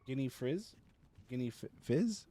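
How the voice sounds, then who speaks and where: A man's voice: medium pitch, very animated, a little slow, dark tone. A man streaming a shooter game with friends, chatting casually, laughing often and making playful sound effects. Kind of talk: casual gaming chat.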